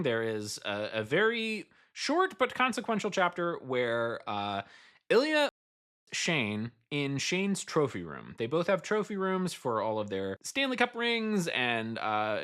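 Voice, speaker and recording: A man walks through a novel's plot in a casual, wry recap and swears freely. His voice is bright and forceful and jumps around in pitch. He sounds animated throughout. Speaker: book reviewer.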